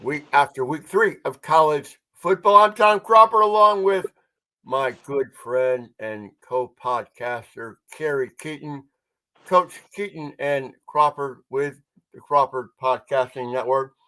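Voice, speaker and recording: A man's voice: mid-range voice, measured pace, sharp tone, low-quality recording. A man co-hosting a casual sports podcast, talking with mumbled articulation as if he had marbles in his mouth.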